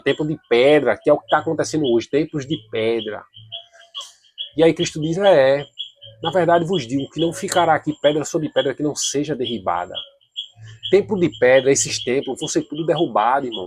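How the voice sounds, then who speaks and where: A man's voice: mid-range voice, breathy edge. A man giving an informal Bible study lesson, talking casually, restarting often and getting more emphatic as he argues his points. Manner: casual, repetitive, grows emphatic when arguing; frequent hesitations and restarts.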